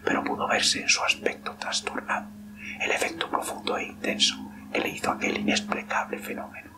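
A man reading a ghost story aloud in a steady, hushed whisper throughout. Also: brisk. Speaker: narrator.

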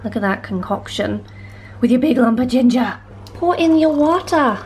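A woman's voice: on the high side, animated, normal speed, a little mellow, a little hiss or hum. A young woman vlogging in a chatty, bubbly way, a bit stuffy from a cold. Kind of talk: casual vlog chat.

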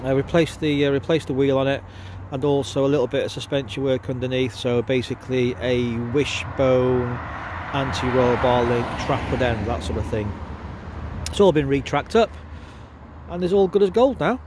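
A man's voice: medium pitch, moderate pace, a little mellow. A man with a cold giving a casual, chatty walkaround sales presentation of a used car. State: congested with a cold. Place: outdoors at a car lot, walking around a car. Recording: outdoor handheld video with clear background noise.

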